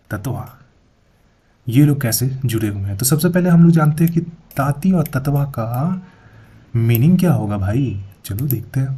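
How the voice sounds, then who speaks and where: A young man talks through a screen-share explainer. His voice is dark and husky, and his delivery is emphatic, with frequent checks that the listener follows. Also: medium pitch. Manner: emphatic, repeats "thik hai" as he goes. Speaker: YouTube explainer.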